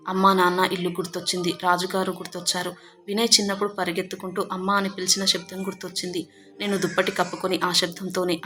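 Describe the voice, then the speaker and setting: A woman's voice: lowish voice, fairly bright tone. Woman narrating a tender first-person story.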